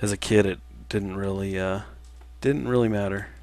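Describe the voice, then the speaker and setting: A thirty-something game developer streams himself playing and answers chat questions casually. His pitch is fairly low, and he speaks in a laid-back, stop-start way with lots of fillers.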